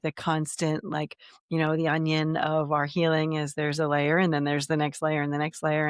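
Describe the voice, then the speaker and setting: A woman's voice: low voice, no room sound, clean studio sound. A woman in her fifties hosting a podcast, talking in a reflective, loosely wandering way that circles back on her own thoughts. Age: 50s. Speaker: podcast host. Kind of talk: casual podcast conversation.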